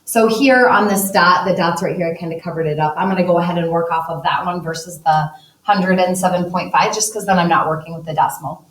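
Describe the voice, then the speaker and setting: A woman teacher with a lowish voice works through math problems step by step at a fairly quick pace, talking as she writes and uses a calculator. This recorded lesson was made in an echoey room, with her voice a bit distant from the mic.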